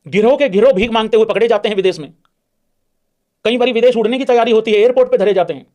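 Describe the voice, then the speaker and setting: A man's voice: high voice, fast, a little mellow. A man hosting a cricket livestream, ranting bluntly and mockingly while answering viewers' super chats. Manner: heated, mocking and blunt, addresses viewers as brothers. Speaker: live-stream cricket host reading super chats. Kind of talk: casual live-stream rant and chat replies.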